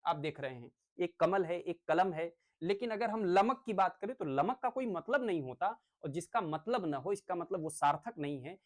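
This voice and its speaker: A man's voice: sits high, lively intonation, moderate pace, few pauses. A male teacher giving a lecture on phonics, explaining step by step with everyday examples.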